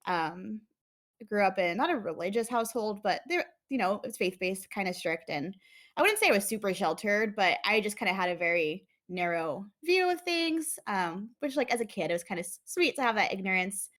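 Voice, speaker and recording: A woman's voice: mid-range voice, big pitch swings, brisk, fairly bright tone. A young woman from the United States, a guest in a casual interview, who talks in a chatty way with many fillers and frequent laughs.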